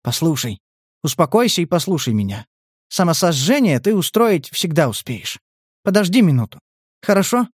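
Guy playing a calm merc talking a kid down, coaxing, a bit higher. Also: normal speed, slightly rough, no room sound, studio quality. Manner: coaxing, persuasive. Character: calm, reasoning young mercenary negotiator.

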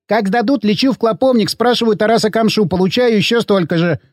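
A man voicing an eager, cheeky street boy who repeats his orders quickly. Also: high-pitched, dry recording, studio quality, voice pushed up, close to an everyday voice.

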